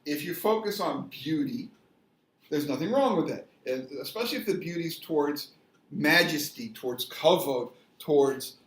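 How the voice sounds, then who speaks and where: A man's voice: fairly high pitch, lively intonation, moderate pace. A man in a casual debate, explaining religious values emphatically and repeating phrases to press his point. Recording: echoey room.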